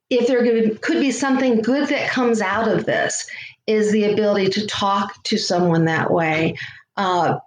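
A middle-aged woman from Connecticut tells her personal story as an interview guest, in a reflective, heartfelt way, and her voice carries a heavy echo. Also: mid-range voice. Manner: reflective and heartfelt, with many pauses. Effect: heavy echo around the voice. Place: echoey room. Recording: echoey room, faint noise.

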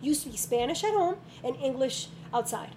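A woman's voice: high-pitched, normal speed, low-quality recording. A woman school counselor chatting casually in an interview, telling stories with frequent ums. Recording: steady background noise.

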